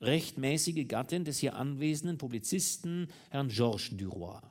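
A man's voice: mid-range voice, expressive, moderate pace, darkish tone, natural voice. A man doing a stern, commanding police commissioner. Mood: stern questioning. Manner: formal, commanding.

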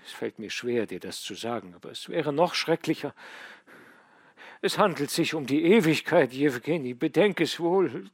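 A man's voice: a little high, expressive, normal speed, husky, no room sound, voice pushed up. A man doing a stammering, anguished old father. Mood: pleading. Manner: stammering, pleading, tearful.

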